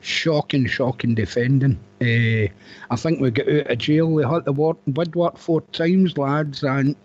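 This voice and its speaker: A man's voice: mid-range voice, steady tone, a little slow, darkish tone. A Scottish man talking football casually on a phone-in show, blunt and colloquial in his phrasing. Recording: dull, lo-fi call-in audio.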